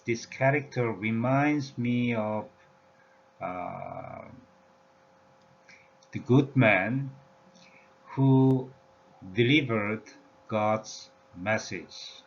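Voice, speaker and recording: Slow, halting male teacher. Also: mid-range voice, very animated, vocal fry. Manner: halting, many "uh" and "yeah" fillers. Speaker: language teacher. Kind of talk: slow explanatory lecture. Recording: dull lo-fi recording with faint room noise.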